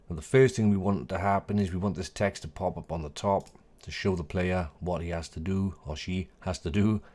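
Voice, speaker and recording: Low male voice, relaxed tutorial host, slightly hoarse, self-correcting and jokey. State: voice going a bit hoarse. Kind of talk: casual screen-recorded tutorial.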